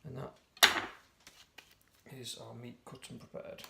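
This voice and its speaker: A croaky man with a gravelly, hoarse voice and medium pitch talks unhurriedly through a casual cooking demonstration. Relaxed and chatty, this home cook keeps correcting himself mid-sentence. Background noise fills the home video recording.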